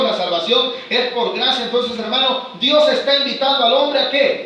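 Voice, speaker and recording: A high, bright male preacher teaching a Bible study, who keeps questioning his congregation and slows down to read scripture. He is recorded from a distance in a very echoey church hall with a faint hiss underneath. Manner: asks the congregation rhetorical questions, slows to read verses aloud. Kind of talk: sermon-style Bible study.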